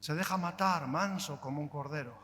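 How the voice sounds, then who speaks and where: A man delivers a fervent sermon in a high, bright voice. He presses his listeners with rhetorical questions and moves near-shouts to hushed lines. His voice rings with the long reverb of a large church hall. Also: moderate pace. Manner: impassioned, rhetorical questions, swings between loud and hushed. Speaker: preacher.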